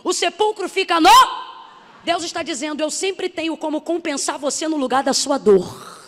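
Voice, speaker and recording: A woman missionary preaching a sermon with emphasis, building to shouts. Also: high-pitched, normal speed. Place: church hall. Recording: hall reverb.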